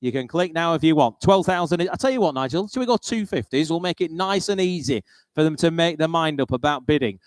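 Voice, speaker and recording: A British man working as an auctioneer, calling live bids and repeating the figures in a steady auction patter. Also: a little high, a little fast, no echo.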